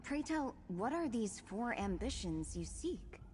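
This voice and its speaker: A woman playing a composed, wary young sister in a fantasy video game, speaking in a formal, measured way. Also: a little high, very animated, a little mellow, slight background noise. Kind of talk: video game character acting.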